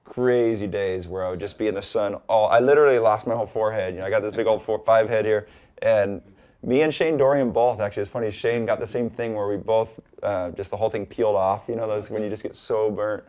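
Laid-back guy from hawaii rambling on as a podcast guest, lots of "like", quick talker. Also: fairly low pitch. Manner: relaxed, rambling, full of "like" and "you know". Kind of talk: casual interview chat.

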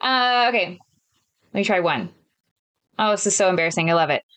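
A woman's voice: lowish voice, expressive, a little fast, a bit bright. A young woman playing a tabletop game, laughing and self-conscious as she banters with friends. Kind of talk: casual banter between players.

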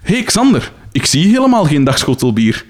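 A perky, eager young male friend with a Flemish accent, as a man reads him out. The voice lifts a little and bounces around in pitch. Every line sounds upbeat and exclamatory. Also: very animated, fairly quick.

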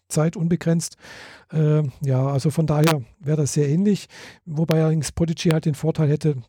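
A man's voice: on the high side, warm tone, dry recording. Man on a clipping, distorted mic. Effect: clipping, distorted overdriven mic. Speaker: podcast co-host. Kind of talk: casual tech chat. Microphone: microphone too close.

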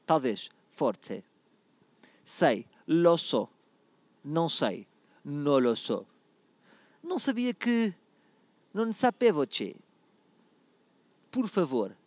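A man's voice: on the high side, a little mellow, no room sound. A man from Portugal with a European Portuguese accent, hosting a comic podcast and playfully reading phrases in a mock-Italian voice. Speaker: podcast host. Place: out and about, travelling.

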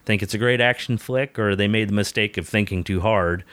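A man co-hosting a podcast, giving his take on a film in a relaxed, casual way with wry asides. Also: lowish voice, brisk, dry recording. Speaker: podcast co-host reviewing a film. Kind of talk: casual conversation.

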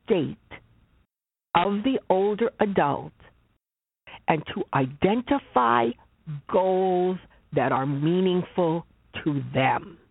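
A social worker walks through a slide presentation, speaking in a measured, deliberate way and repeating words for stress. The voice is slightly husky and dry, and it comes over a thin, phone-like line. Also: mid-range voice, dry recording. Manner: measured, deliberate, emphatic repetitions. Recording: phone-like narrow band.

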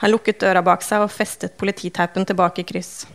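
A woman reading a first-person novel aloud in calm, measured, understated narration. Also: lowish voice, vocal fry. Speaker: audiobook narrator.

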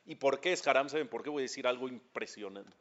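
A man's voice: mid-range voice, fast talker, highs cut off. A man, a rabbi with a Mexican accent, giving a religious lecture, asking the audience questions and building to emphatic peaks. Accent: Mexican Spanish.

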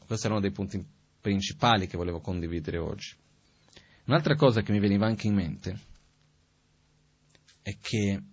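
A man giving a Buddhist teaching in a calm, conversational way, asking rhetorical questions as he goes. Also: lowish voice, breathy edge, no echo. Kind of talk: spoken dharma teaching. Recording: dull, dry, lo-fi recording.

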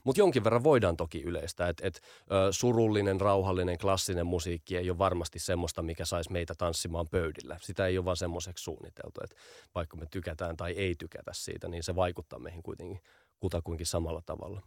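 A man with a very low, gravelly voice explains his field as a podcast guest. He talks in a steady explanatory way and often repeats small fillers as he gathers his thoughts. The sound is close and dry. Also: no echo. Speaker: guest, audio branding expert.

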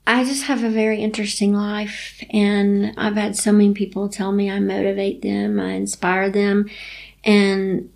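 Lively woman telling a story with laughs. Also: moderate pace. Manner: animated, laughs often, acts out quotes in a high voice. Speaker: guest. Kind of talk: casual storytelling interview.

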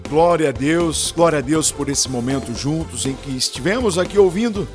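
Pastor guy, pretty high voice, repeating his calls over and over, church echo with soft music behind. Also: expressive, normal speed. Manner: fervent, repetitive exhortation. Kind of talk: sermon and congregational prayer. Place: church sanctuary. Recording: long church-hall reverb with faint music.

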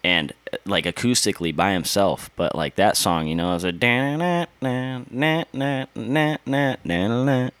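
A man's voice: low voice, steady tone, fairly quick, hardly any pauses, fairly bright tone, no echo. A man from Iowa, a guest in a studio chat, telling stories in a laid-back, slangy way with frequent laughs. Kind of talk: casual chat.

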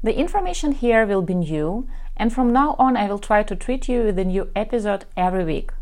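A woman's voice: medium pitch, darkish tone. A woman from Ukraine, a native Russian speaker with a Russian accent, hosting a podcast in a scripted, presentational way and addressing listeners directly. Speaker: podcast host, matchmaker and dating coach.

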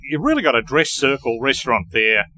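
A man's voice: mid-range voice, sing-song, fairly quick, bright, forceful tone. An older man hosting a travel radio show, introducing his guest in a chatty, personal way. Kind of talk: radio interview.

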